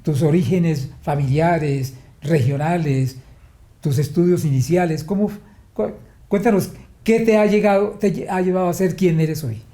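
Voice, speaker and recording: Slow, deliberate male interviewer. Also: on the high side, mellow, roomy sound. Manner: slow, measured, searching for words. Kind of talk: formal interview.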